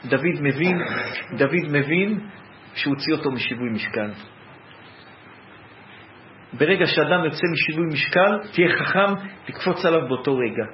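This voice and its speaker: Animated man preaching in an echoey room. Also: a little high, pauses often, a little hiss or hum. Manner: animated, preacherly storytelling that builds with repetition. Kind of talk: Torah sermon. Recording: echoey, dull lo-fi room recording.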